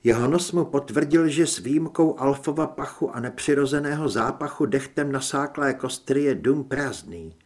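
A man's voice: medium pitch, hardly any pauses, a little mellow. A man reading an audiobook in a dramatic, varied way as the narrator. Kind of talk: scripted narration.

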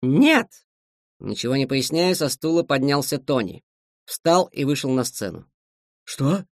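A man reading a story aloud as the narrator, in a lively, expressive way. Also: mid-range voice, moderate pace, dry recording, clean studio sound. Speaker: audiobook narrator. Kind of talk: scripted narration.

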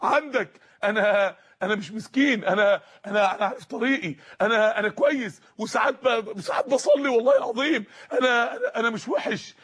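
A male preacher voicing a troubled young man who stammers and pleads, in a husky, high voice. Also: lively intonation, fast, a bit bright, exaggerated voice. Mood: pleading.

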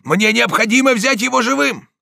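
Guy reading as a stern old judge, bossy and loud, pitched up high. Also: animated, moderate pace, no room sound, clean studio sound. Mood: urgent. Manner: commanding, insistent. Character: stern commanding older male high judge.

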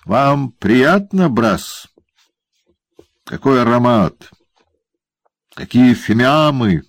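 Man doing a snarling cruel dwarf, high pitched, bouncy intonation, audiobook. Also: animated, drawn-out words, dry recording, heavily acted. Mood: gloating. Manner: snarling and barking orders. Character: cruel, gleeful male dwarf tormentor. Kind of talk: audiobook character voice.

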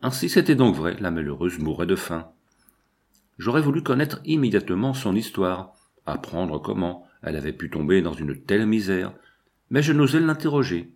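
A man reading a novel aloud in first person, with measured, expressive storytelling. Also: low-pitched. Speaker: audiobook narrator.

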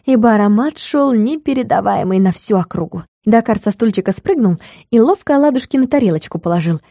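Woman reading a lively fantasy audiobook. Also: mid-range voice, dry recording, studio quality. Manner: lively storyteller who voices every character. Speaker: audiobook reader. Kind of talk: first-person fantasy audiobook narration.

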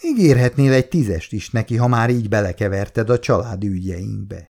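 A man's voice: lowish voice, gravelly, mellow. Man doing a playful grown son. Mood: playful soothing. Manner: playful, soothing. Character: young man teasing and comforting his mother.

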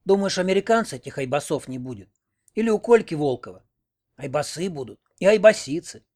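A man's voice: a little high, animated, fairly quick, darkish tone, pitched above the performer's own voice. A man voicing a crafty old village grandmother who schemes and grumbles. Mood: grumbling. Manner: grumbling, sly, bossy.

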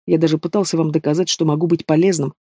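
A man's voice: on the high side, level tone, fast talker, dark tone, husky, no echo, studio quality. A man voicing a sneering young male villain in an audiobook, taunting and drawling with casual menace. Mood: scornful. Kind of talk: audiobook character voice.

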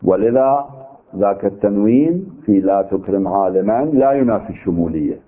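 A man's voice: lowish voice, animated, moderate pace. A man with an Iraqi Arabic accent teaching a seminary lecture on legal theory, arguing his point through rhetorical questions. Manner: argumentative, poses rhetorical questions. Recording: tinny narrow-band recording.

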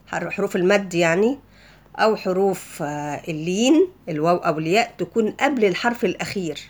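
A woman with an Egyptian Arabic accent teaching a tajweed lesson for beginners, explaining the rules step by step in relaxed colloquial speech. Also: fairly low pitch. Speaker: Quran recitation teacher.

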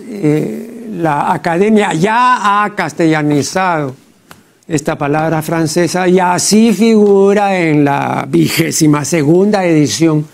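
High-pitched, gravelly man, pedantic TV host. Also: darkish tone. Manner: deliberate and pedantic, with frequent "¿no?" and "pues". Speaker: TV program host. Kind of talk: studio commentary critiquing a translation. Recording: TV program audio.

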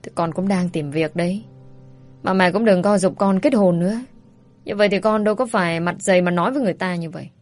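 A woman's voice: fairly low pitch, fast talker, darkish tone, no echo, faint music behind, lightly acted. A woman voicing a bold young woman who talks bluntly and playfully. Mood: pleading. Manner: blunt, teasing.

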